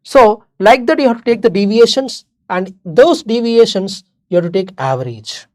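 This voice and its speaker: A woman's voice: mid-range voice, animated, moderate pace, darkish tone. A woman with an Indian accent giving an exam revision lecture in mixed English and Hindi, repeating key phrases and checking that learners follow. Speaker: teacher.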